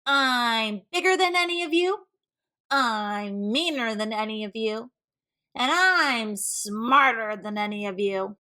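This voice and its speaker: A woman voicing a big, bossy, boastful capybara schoolgirl from a storybook with a loud, brash delivery. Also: on the high side, animated, slow, full character voice. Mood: boastful, menacing.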